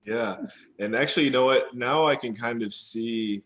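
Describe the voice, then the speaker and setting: A young man hosting a podcast, interviewing his grandmother in a relaxed, talkative way. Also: medium pitch, moderate pace. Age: young adult. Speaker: podcast host. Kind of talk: casual interview.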